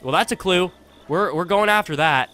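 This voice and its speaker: A young man giving casual gameplay commentary, chatty and thinking aloud, with excitable reactions. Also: high-pitched, moderate pace. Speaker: let's play host. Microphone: desktop USB condenser mic.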